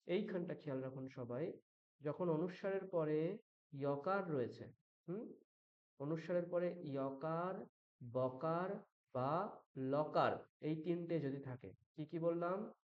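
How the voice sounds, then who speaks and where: A man teaching a Sanskrit chanting class, patiently correcting students and drawing out sounds slowly to model them. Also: a little high, muffled recording. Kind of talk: online chanting class instruction.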